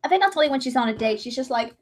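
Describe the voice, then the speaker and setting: A young woman chats casually during a livestream drawing session, rambling and self-correcting in rapid-fire bursts. Her expressive voice sits high and sounds a little strained.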